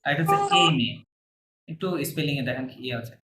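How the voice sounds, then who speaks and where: Patient Bangladeshi teacher on a video call. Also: male voice, on the high side, wildly swooping pitch, fast talker, echoey room, very noisy. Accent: Bangladeshi Bengali. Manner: patient, explains step by step with check questions. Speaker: French teacher. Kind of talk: online class teaching.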